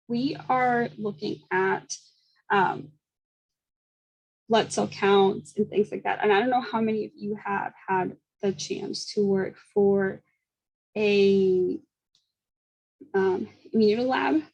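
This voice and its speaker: A young woman presents a seminar talk at a brisk clip, with frequent ums and small laughs. Her voice has a gravelly fry and a slightly husky edge. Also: medium pitch, fairly even intonation, darkish tone, rough recording. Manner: quick, with fillers and small laughs. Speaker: student presenter.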